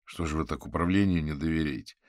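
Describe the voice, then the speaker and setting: Male reader as a deep, calm, dry detective sorcerer; unhurried. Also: no room sound.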